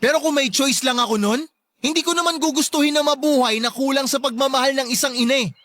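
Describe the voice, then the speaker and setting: A very high, sharp-toned male voice talks quickly on a dry recording. The young adult speaker acts the part of a grown son who feels neglected and resentful, hurt and reproachful but still respectful and plaintive, in an emotional radio drama.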